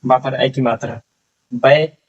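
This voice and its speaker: A man teaches a reading lesson at a very slow, patient pace, sounding out each syllable and repeating every word. His voice sits at an ordinary middle pitch. It is recorded dull and a little distant from the microphone. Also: steady tone. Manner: sounds out syllables slowly and repeats words, checking in often.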